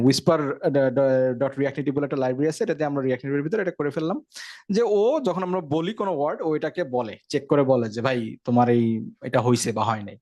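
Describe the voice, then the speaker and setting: A man's voice: on the high side, a little mellow. A man teaching a casual tech lecture, talking in a conversational way and often checking in with his listeners. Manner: fast, conversational, frequent check-ins. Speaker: instructor.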